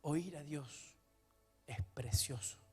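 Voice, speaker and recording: A man preaching a sermon as pastor of a church, his delivery swinging between hushed, intimate stretches and loud, emphatic ones. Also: a little high, takes it slowly, music in the background.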